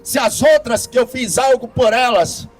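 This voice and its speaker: A sorrowful dying king, voiced by a man, pleads earnestly with his wives in a storybook parable. The voice sits very high. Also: normal speed, soft background music. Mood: pleading.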